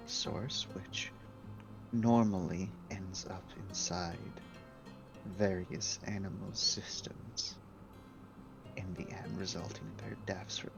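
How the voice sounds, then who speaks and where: A man plays a detached ship AI that answers with cold literalness and lectures in a measured, unhurried voice. The tone is low and flat, and every point is stated precisely. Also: vocal fry, exaggerated voice.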